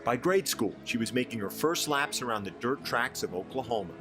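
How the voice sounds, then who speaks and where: A man giving scripted documentary narration with a measured, dramatic delivery. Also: mid-range voice, expressive. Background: music.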